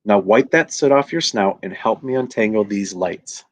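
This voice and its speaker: Patient storybook mother, soft coaxing voice, as a man reads her. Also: on the low side, animated, moderate pace. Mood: gentle.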